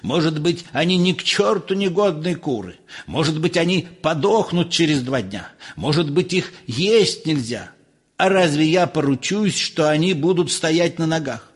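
A man's voice: fairly high pitch, animated, measured pace, breathy edge. A man voicing an irritable, scornful older professor who snaps in exasperation in an audiobook. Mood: ranting. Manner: snapping, exasperated.

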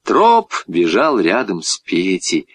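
Man, storyteller, children's story, lively pitch, medium voice, dry sound. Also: a little slow, no echo. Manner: expressive, swinging pitch.

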